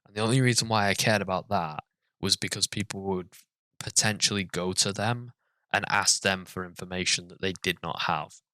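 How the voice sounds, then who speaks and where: A man's voice: sits low, fairly even intonation, normal speed, pushed and bright, no echo. A man giving profane, sarcastic commentary as he reads a story and rants about it. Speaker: comedic reader and commentator.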